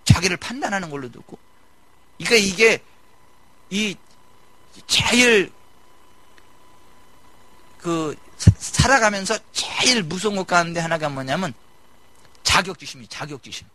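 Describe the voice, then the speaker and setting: A male pastor giving a lively sermon, mimicking people and shouting his emphases. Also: sits high, unhurried, long pauses. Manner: animated preaching, mimicking congregants, shouting emphases. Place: church sanctuary.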